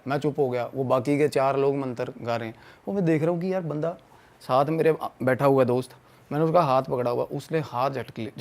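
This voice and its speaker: A young man from Punjab, a podcast guest telling a ghost story in a casual chat, acting out his friends' lines. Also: fairly high pitch. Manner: animated, acts out friends' quotes.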